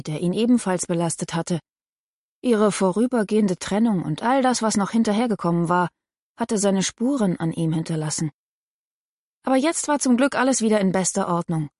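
A woman's voice: mid-range voice, no echo, clean studio sound. Woman reading a story aloud. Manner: lively, voicing each character. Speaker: narrator. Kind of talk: audiobook narration.

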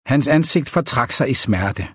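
A man reading a novel aloud as an audiobook narrator, in a measured, even storytelling manner. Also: mid-range voice, breathy edge, dry recording, clean studio sound.

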